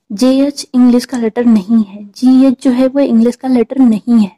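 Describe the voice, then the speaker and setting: A woman's voice: a little high, dark tone. A woman patiently explaining English pronunciation to viewers, repeating points and checking in with them. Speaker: teacher.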